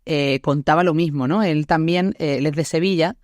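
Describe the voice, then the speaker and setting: A woman's voice: sits low, normal speed, a little mellow, no room sound. Andalusian woman podcast host, reflective, thinks aloud, dry room. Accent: Andalusian Spanish. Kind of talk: casual interview chat.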